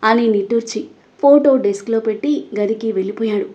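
A woman's voice: a little high, brisk, warm tone. Female storyteller, acts out the dialogue with feeling; dull lo-fi recording. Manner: voices the characters' dialogue with feeling. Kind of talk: dramatic story narration.

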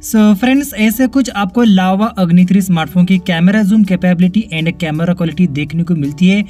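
A man's voice: high-pitched, brisk, warm tone, faint music behind. A man giving a chatty product review voice-over, mixing English words into Hindi and calling the viewers friends. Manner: keeps addressing viewers as friends. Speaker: tech reviewer.

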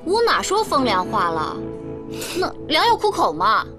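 An actress in a TV drama playing a brash, sharp-tongued woman lecturing her crying friend. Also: high-pitched, wildly swooping pitch, measured pace, over music, heavily acted. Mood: bossy. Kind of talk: TV drama acting.

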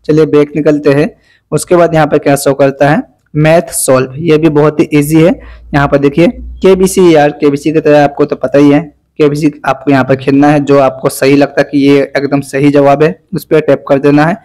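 A man walking viewers through an app in a screen-recorded tutorial, speaking slowly and deliberately with low energy as he fasts, repeating each step. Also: flat delivery, a little mellow. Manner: instructive, repetitive step-by-step guidance. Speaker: app reviewer.

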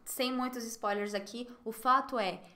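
A woman with a Brazilian Portuguese accent giving a live online French lesson, explaining phrases and slowly modeling pronunciation. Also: a little high, fairly even intonation, pushed and bright. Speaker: French teacher.

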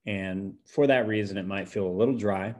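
A man opens a math lesson video in a relaxed, conversational way. His voice sits slightly low, and he speaks like a teacher greeting his class. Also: moderate pace.

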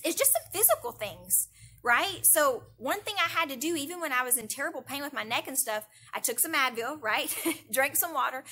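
A woman's voice: sits high, sharp tone. A woman, a church youth director giving an earnest devotional talk, repeating phrases for emphasis and rising into prayer. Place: indoors, online church broadcast.

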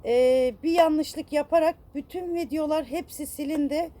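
Her voice is high with a dark tone, moving at normal speed. Upset and self-reproaching, this woman vlogger apologizes casually to her audience, rambling with lots of fillers and speaking warmly to her viewers.

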